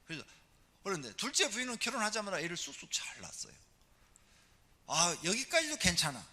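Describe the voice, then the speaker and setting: Animated male pastor in an echoing church. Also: sits high, brisk, a little hiss or hum. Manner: animated storytelling, calls for amen responses. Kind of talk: sermon. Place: church sanctuary. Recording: long reverb of a church hall.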